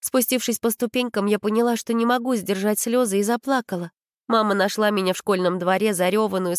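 A woman narrating a children's story in the first person, with expressive storytelling. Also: mid-range voice, no room sound, clean studio sound. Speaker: audiobook reader.

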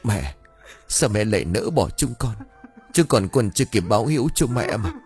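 A man's voice: lowish voice, lively intonation, normal speed, a little mellow, faint music behind. A man voicing an eldest son choked with grief, tearful and strained. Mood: grieving. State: crying.

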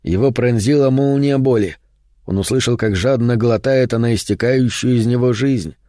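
Dark-voiced male horror narrator. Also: mid-range voice, dry recording, clean studio sound. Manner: steady, measured storytelling. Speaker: audiobook narrator.

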